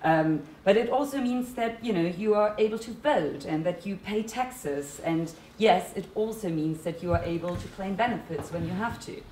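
Sitting at a seminar room conference table for a panel discussion, this German-accented woman in her thirties talks earnestly and with emphasis. Her medium-pitched voice has a darkish tone and lively intonation, delivered at normal speed with few pauses, in an echoey room with a little hiss or hum.

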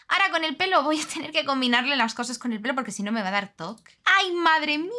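A woman's voice: fairly high pitch, sharp tone. A young woman gives casual, chatty game commentary, gushing and exclaiming as she goes. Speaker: game reviewer.

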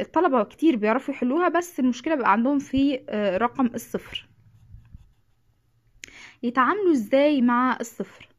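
A woman with an Egyptian accent teaching a math lesson, patiently repeating each point and often clearing her throat. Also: a little high. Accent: Egyptian Arabic.

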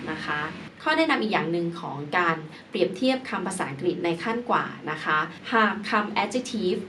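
A woman's voice: fairly low pitch, lively intonation, moderate pace, a bit bright. A woman teaching an English grammar lesson, speaking patiently, repeating points and spelling words out letter by letter. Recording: distant mic with clear background noise.

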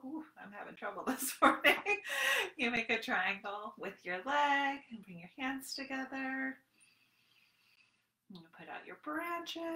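High-pitched, bright and forceful, a woman in her thirties leads storytime for small children as a librarian would, sing-song and encouraging. She's in a small room at home, and the webcam recording has a roomy echo.

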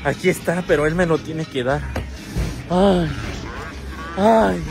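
A man's voice: fairly high pitch, slow pace, gravelly. A man with a Mexican accent voicing a nervous, clueless young woman shopping, sighing and whining anxiously, in a comedy sketch, with music in the background. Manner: anxious whiny sighing, self-mocking.

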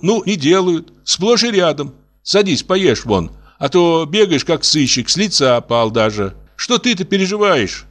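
A man voicing a calm, reassuring mother consoling her son in a storybook reading. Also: a little high, measured pace, pitched above the performer's own voice. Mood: soothing. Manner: gentle, reassuring, homely. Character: calm, soothing older mother.

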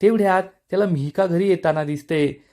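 Man narrating a recap, higher-pitched. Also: normal speed, dark tone. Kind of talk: scripted narration.

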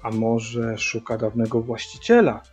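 A man's voice: mid-range voice, measured pace, a little mellow, lightly acted. A man doing a thoughtful train waiter. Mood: musing. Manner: musing, thoughtful. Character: pensive middle-aged male train waiter. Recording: dull lo-fi recording, faint music.

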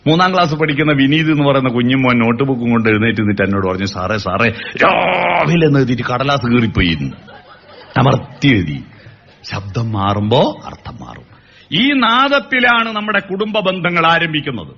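Male motivational speaker, lively delivery with sung snippets, muffled recording. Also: mid-range voice, fairly quick. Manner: animated, sings song lines and acts out calls to make points. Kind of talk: public speech on family and education. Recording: dull lo-fi recording.

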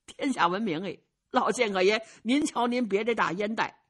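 A woman's voice: medium pitch, moderate pace, slightly rough, lightly acted. A woman voicing a courteous young male fortress chief who addresses his elder respectfully. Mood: polite. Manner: courteous, eager questions.

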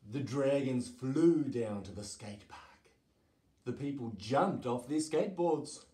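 A man reading a children's picture book aloud with a playful expressive manner, in a roomy echo. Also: mid-range voice, takes it slowly. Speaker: storyteller.

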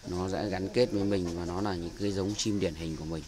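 A man with a Northern Vietnamese accent and a low, fairly even voice walks through his outdoor bird aviary at a brisk pace, filmed on a handheld camera mic with a noisy background. His casual narration is chatty, full of fillers and repeated words.

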